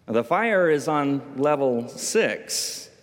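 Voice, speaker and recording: A man preaching voices a hooded male stranger who calmly explains the underworld, with a long hall reverb. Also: mid-range voice, very slow. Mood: explaining. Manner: calm, explanatory. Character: hooded male stranger guiding through hell.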